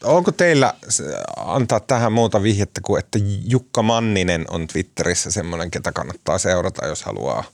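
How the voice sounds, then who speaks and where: A slightly low-voiced man hosting a talk podcast, putting questions to the panel with playful exaggeration. His delivery is lively and loose. The recording is close-miked and completely dry. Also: few pauses, no room sound. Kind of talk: casual discussion.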